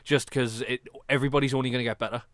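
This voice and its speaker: A man's voice: medium pitch, fairly even intonation, racing, a bit bright, no echo. A man hosting a casual interview, rambling and repeating words as he searches for phrasing. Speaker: podcast host.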